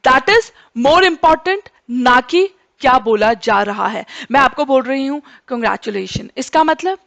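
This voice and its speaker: A woman's voice: sits high, a bit bright. A young woman teacher giving a lecture, explaining with spoken examples and often checking in with "right?". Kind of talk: Hindi-English mixed classroom lecture.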